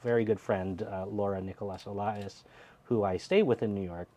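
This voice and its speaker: Earnest man in his thirties, low voice. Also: steady tone, normal speed, warm tone. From United States. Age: 30s. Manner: earnest, reflective. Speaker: theater co-producer, guest. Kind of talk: interview conversation.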